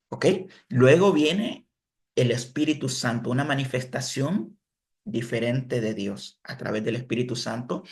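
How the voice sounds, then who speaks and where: Man, religion teacher, online class, explanatory, frequent check-ins, self-correcting, computer mic. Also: mid-range voice. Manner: self-correcting, pauses to fix slips.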